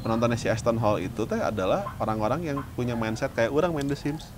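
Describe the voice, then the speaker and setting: A man's voice: medium pitch, fast talker. Man, casual podcast chat, storytelling, joking, faint background noise. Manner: animated storyteller, joking asides.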